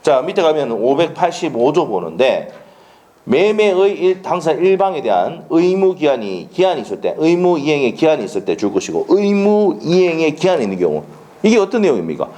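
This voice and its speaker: A man's voice: a little high, big pitch swings, brisk, warm tone. A man with a Gyeongsang Korean accent giving a classroom law lecture, blunt and colloquial, constantly firing rhetorical questions and checking that students follow.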